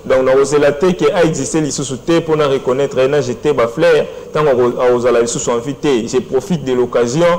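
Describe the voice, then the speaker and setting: A man's voice: medium pitch, fairly even intonation, fairly quick, hardly any pauses, darkish tone, low-quality recording. A man with a Congolese accent speaking earnestly as a guest on a studio talk show. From Democratic Republic of the Congo. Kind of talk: studio interview, French and Lingala. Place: TV studio set.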